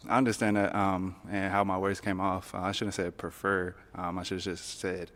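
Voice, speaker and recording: Man contestant; deep, monotone, halting and unsure. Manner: hesitant, filler-heavy. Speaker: dating show contestant. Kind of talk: conversation.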